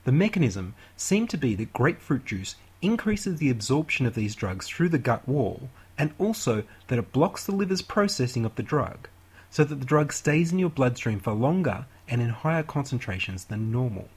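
Husky man with lively, swinging intonation. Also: medium pitch, moderate pace. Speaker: science radio presenter. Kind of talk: scripted explanatory narration.

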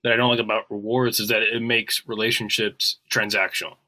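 Bright-voiced man, earnest podcast chat. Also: lowish voice, flat delivery, fairly quick, poor audio. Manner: earnest, often checks in with "right?". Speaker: podcast co-host. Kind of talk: casual chat.

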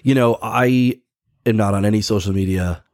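A man's voice: lowish voice, moderate pace, darkish tone, no echo, studio quality. A man around forty co-hosting a podcast in casual chat, joking and blunt, laughing often. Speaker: podcast co-host.

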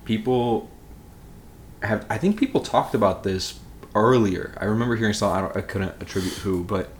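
A man's voice: lowish voice, brisk, a little hiss or hum. A man in his twenties, a podcast co-host chatting casually about films, rambling with lots of filler words. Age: 20s. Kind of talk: casual film chat.

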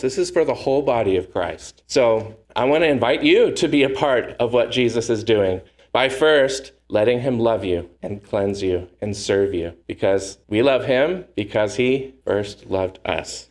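A man preaching a sermon as pastor, earnest and conversational, often asking his listeners questions. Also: mid-range voice.

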